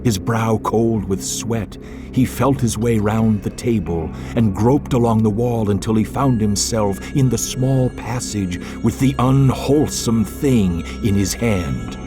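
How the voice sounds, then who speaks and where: Deep-voiced man narrating a horror tale. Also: unhurried. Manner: suspenseful, theatrical. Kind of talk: dramatic scripted horror story narration. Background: music.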